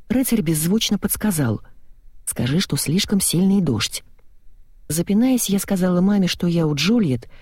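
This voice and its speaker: Expressive audiobook narrator, dry close sound. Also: medium pitch, no room sound. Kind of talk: first-person audiobook narration.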